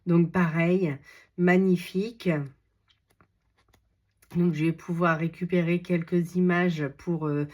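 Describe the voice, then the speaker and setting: A middle-aged woman hosting a craft channel, chatting casually and enthusiastically with many fillers, her voice slightly hoarse. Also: on the low side, flat delivery, takes it slowly, pauses often, darkish tone, highs cut off. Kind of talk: casual chat showing books.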